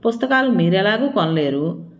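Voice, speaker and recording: A narrator doing a resentful young wife in an audio story, snappish and indignant, voice pushed higher than the narration, words spat out in bursts. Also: lively intonation, normal speed, lightly acted. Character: resentful young wife, sharp-tongued and sulky. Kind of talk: audiobook role reading.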